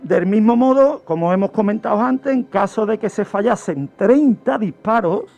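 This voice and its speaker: With lively intonation at a normal pace, this man's voice sits high, gravelly and a little mellow, over soft background music. As a guest criminologist on a true-crime radio segment, he explains the history didactically, asking and answering his own questions.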